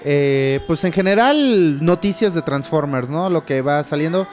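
Animated but unhurried, a man with a slightly high, mellow voice chats over soft background music. He's a podcast co-host with a Mexican Spanish accent, keeping things casual and slangy and saying "güey" all the time.

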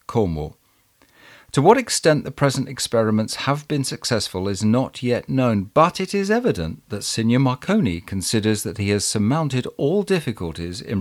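A man hosting a podcast, reading historical documents aloud in a measured, expressive way. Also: lowish voice. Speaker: podcast host and reader.

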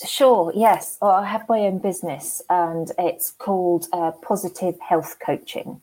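A woman speaks as a coach being interviewed. Her voice is fairly low and soft-edged, mellow in tone, in a conversational style. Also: steady tone, unhurried, poor audio. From England. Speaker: health coach, interview guest.

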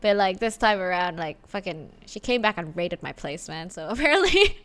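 A woman's voice: lowish voice, big pitch swings, normal speed, fairly bright tone. A young woman from Indonesia co-hosting a casual podcast, chatting with lots of laughter and casual swearing. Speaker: podcast co-host.

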